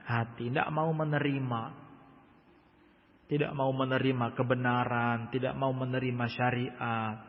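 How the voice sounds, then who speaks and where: A man, a religious teacher giving a mosque study-circle lecture, reading Arabic text and explaining it, swinging between loud declaiming and quiet asides. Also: mid-range voice. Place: large mosque hall. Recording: muffled, long reverb hall sound.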